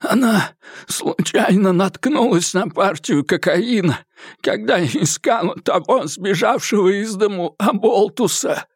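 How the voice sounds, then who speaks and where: A shrill, breathless male thug, cornered and bleeding, his voice jumping high as he whines and begs, as a male reader puts him on. The sound is close and dry, with lively swings in pitch. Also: a little slow, breathy edge, no room sound, exaggerated voice. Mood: whining. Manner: shrill, pleading and screaming. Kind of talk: audiobook character voice.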